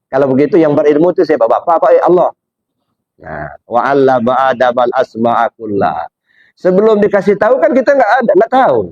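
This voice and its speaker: Man teaching religion, voice slightly high. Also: darkish tone, dry recording, dull audio. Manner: rhetorical questions to listeners, pitch leaping up for emphasis. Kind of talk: religious study lecture.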